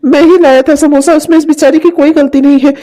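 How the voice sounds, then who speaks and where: A woman voicing a gentle, soft-hearted middle-aged father in a cartoon who pleads with his wife. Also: high-pitched, fairly even intonation, fast talker, lightly acted. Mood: gentle pleading. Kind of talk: cartoon voice acting.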